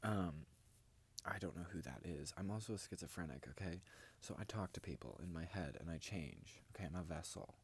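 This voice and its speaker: A man's voice: low voice, fairly quick, slightly rough. A man vlogging in a rambling, grandiose monologue straight to his viewers. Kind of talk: casual vlog monologue.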